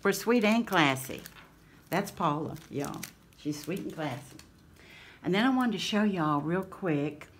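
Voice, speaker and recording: A woman's voice: on the low side, animated, a little slow, a little hiss or hum. A woman, chatting casually and affectionately to her craft channel viewers in a folksy drawl. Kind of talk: casual chat to camera.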